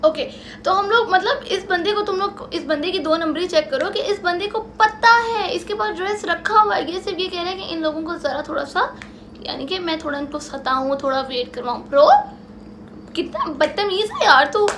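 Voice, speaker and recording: Young woman vlogger, high and bright, animated storyteller at home, faint noise. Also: moderate pace. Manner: animated storytelling, acts out both sides of an argument, mixes in English. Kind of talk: storytime vlog. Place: lounge at home. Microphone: camera in front of her.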